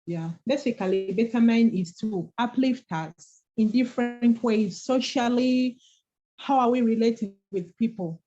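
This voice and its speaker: At a measured pace, a woman co-host with a slightly high, mellow voice encourages listeners to forgive and move forward in an earnest motivational talk. The online call audio is dull and lo-fi.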